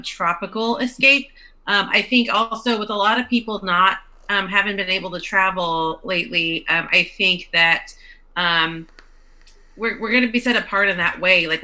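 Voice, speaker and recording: A woman's voice: mid-range voice, pushed and bright. A woman answering as a guest bar co-owner and artist, earnest and full of ums.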